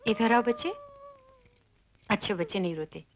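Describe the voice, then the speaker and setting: An actress playing a kind lady of the house in a 1980s Hindi film, speaking softly and tenderly. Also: mid-range voice, moderate pace, natural voice. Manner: soft, tender. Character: gentle, kindly lady of the house.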